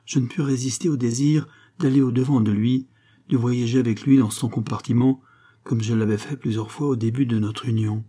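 A man's voice: medium pitch, fairly even intonation, moderate pace, dark tone, natural voice. A man reading as a frightened young mother. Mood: pleading. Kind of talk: audiobook reading.

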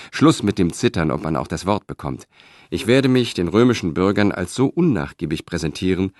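A man's voice: low voice, no echo, clean studio sound. A man reading an audiobook, voicing a proud, ambitious middle-aged Roman senator who speaks with confident, declaiming force.

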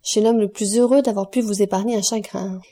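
A woman reading an audiobook and voicing a composed, commanding aristocratic count who speaks calmly and with authority. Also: medium pitch, fairly quick, close to an everyday voice.

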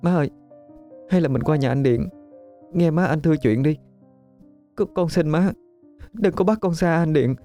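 A man's voice: on the high side, normal speed, long pauses, warm tone, faint music behind, pitched above the performer's own voice, natural voice. A man voicing a desperate young pregnant woman begging her mother in a spoken ghost story. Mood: tearful pleading.

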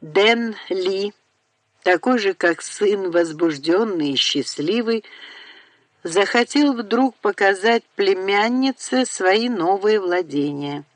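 A woman narrating an audiobook in a measured, unhurried way, recorded on a close studio mic. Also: mid-range voice, expressive, no room sound.

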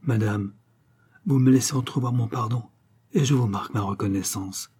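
A man reading the part of an anguished, lovesick young gentleman in an audiobook. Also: medium pitch, moderate pace, husky, close to an everyday voice. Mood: solemn. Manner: solemn and emotional. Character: young gentleman in love, anguished, stiffly polite.

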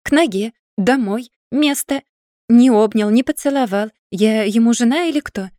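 A woman's voice: medium pitch, normal speed, dark tone, no echo, clean studio sound, natural voice. A woman voicing a tearful, stubborn young werewolf wife in an audiobook, wailing and indignant.

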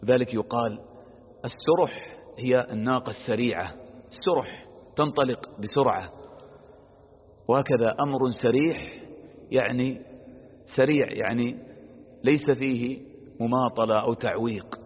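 Husky man teaching in a reverberant hall. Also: medium pitch, normal speed, pauses often. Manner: poses questions aloud and answers them, with everyday examples; stresses quoted verses with a raised voice. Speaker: Quran exegesis teacher. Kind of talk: religious lesson explaining verses. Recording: lo-fi phone-like sound with long reverb.

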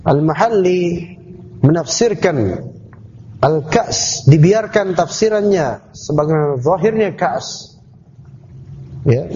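A man's voice: fairly high pitch, dark tone. A man teaching a classroom lesson on scripture, explaining terms step by step and asking the class questions. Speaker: Islamic teacher. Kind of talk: classroom tafsir lecture. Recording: dull lo-fi class recording.

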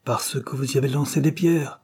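A man's voice: medium pitch, steady tone, normal speed, a little mellow, breathy edge, pitched above the performer's own voice. A man reading aloud and voicing a stern mother who scolds her sons. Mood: scolding.

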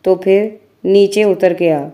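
A woman voicing a brash young village man, in a lowered, gruff voice. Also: fairly even intonation, takes it slowly, lo-fi sound. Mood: pleading. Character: rough young male village lover, brash.

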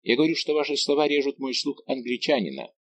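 A man's voice: medium pitch, animated, fast talker, a little hiss or hum, pitched above the performer's own voice, lightly acted. A man voicing a proud English duke who speaks in a haughty, challenging tone.

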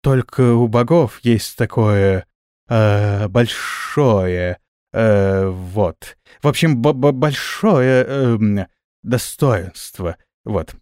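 A man voicing a tiny, excitable winged fairy girl who bossily makes herself a priestess, in a shrill, eager voice. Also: unhurried, no echo, studio quality. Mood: flustered.

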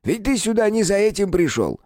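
A man voicing a small, furry, ancient house spirit in an audiobook, creaky and grumbling, teasing the boy he talks to. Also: high voice, very animated, fairly quick, a little mellow, dry recording, studio quality, voice pushed up. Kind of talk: audiobook character voice.

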